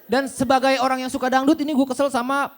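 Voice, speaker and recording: A man's voice: very high-pitched, little pitch movement, quick pace. A man doing a playful stand-up comedy set who breaks into dangdut singing between jokes. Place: comedy stage before a live audience.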